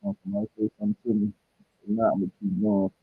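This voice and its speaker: A man's voice: fairly low pitch, very animated, racing, vocal fry, a little hiss or hum. A man hosting a casual livestream in a laid-back, rambling way, talking straight to his viewers, his sound muffled as if heard through a wall. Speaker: livestream host. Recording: dull, muffled livestream audio.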